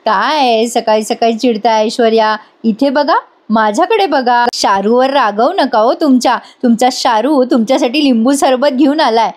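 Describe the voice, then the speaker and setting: A playful young husband, smitten and coaxing, who keeps teasing his wife, as a woman reads his lines. The voice stays high. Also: moderate pace, close to an everyday voice.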